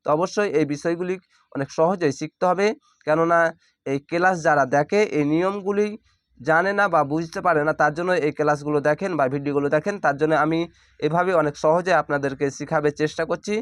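Man spelling out syllables, higher voice. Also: no room sound, clean studio sound. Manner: spells out syllables slowly, then chants the word drawn out. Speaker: Quran reading teacher. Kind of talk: step-by-step spelling lesson.

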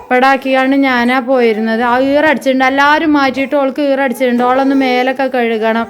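A high-pitched woman talks her viewers through a casual home vlog. Her voice stays bright and chatty as she speaks to them directly from her family home. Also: steady tone, fast, a little hiss or hum. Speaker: family vlogger.

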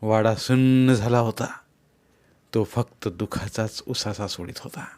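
A man narrating a novel in an audiobook with a steady, measured reading. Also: fairly low pitch.

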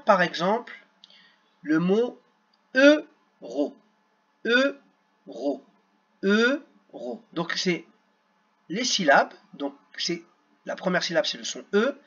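Husky man teaching children slowly. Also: high-pitched, fairly bright tone, lo-fi sound. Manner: slow, sounds out words syllable by syllable. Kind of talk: screen-recorded lesson for children.

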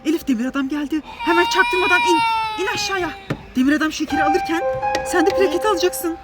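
A mother filming a family vlog with her children around a car, talking in an animated, excitable way and shouting urgently during pretend chase games. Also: very high-pitched, fast talker, loud music behind the voice. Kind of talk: family vlog play-acting with kids.

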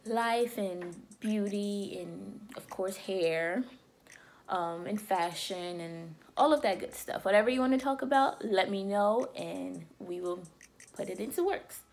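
A woman's voice: mid-range voice, unhurried, creaky. A woman from Liberia talking casually to camera as a beauty vlogger, chatty and loose with frequent "um" and "you know".

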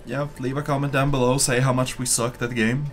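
A man's voice: mid-range voice, level tone, a little fast. A man chatting casually while playing a game with friends, dry and teasing, signing off the episode. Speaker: co-host gamer. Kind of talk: casual gaming chat.

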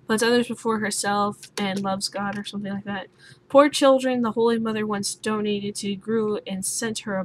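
A young woman playing a puzzle game and thinking out loud, swearing often and sounding sleepy. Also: medium pitch. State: sleepy, just woke up. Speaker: gaming YouTuber. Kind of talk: let's play commentary. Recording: noisy home recording with keyboard sounds.

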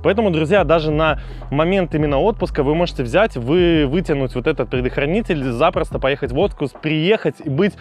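A man's voice: a little high, fairly quick, a little hiss or hum. A man in his thirties with a burry, non-standard r, explaining step by step in a how-to car vlog and addressing viewers as friends. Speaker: car repair vlogger. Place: outdoors in a residential yard beside a car.

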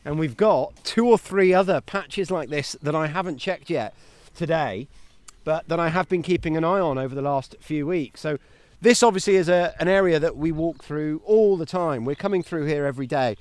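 A homesteading channel host in his thirties vlogs while walking a grassy paddock outdoors, chatty and enthusiastic as he points things out and shares mushroom foraging tips. His voice is fairly high with a darkish tone at a moderate pace, recorded dry on a phone held at arm's length.

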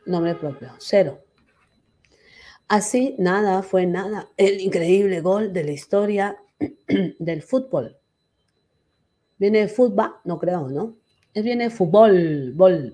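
A middle-aged woman teaches an online language class, joking with her students. Her voice is husky and breathy. She speaks slowly and unhurriedly. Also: on the low side, animated, mellow. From Peru. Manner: teasing, chatty, addresses students as "hijo".

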